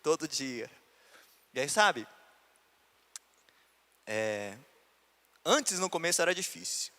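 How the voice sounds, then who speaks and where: A man's voice: on the high side, very animated, takes it slowly, pushed and bright. A man, a pastor telling his own story in a sermon, acting out the voices of the people he quotes. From Brazil. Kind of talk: sermon testimony. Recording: long reverb of a church hall.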